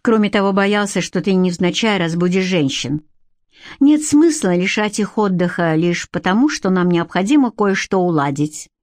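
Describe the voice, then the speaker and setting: Portraying a cold Viking warrior, a woman cynically and curtly commands his captive with cool control. Her medium-pitched, darkish voice is animated, close to everyday, and moves at normal speed. The studio-quality track has no echo.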